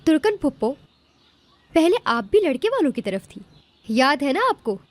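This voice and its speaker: An actress dubbing a sweet young best friend who soothes and reassures in a TV drama. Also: female voice, sits high, sing-song, moderate pace, no room sound. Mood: soothing. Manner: soothing, coaxing. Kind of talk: dubbed drama. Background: music.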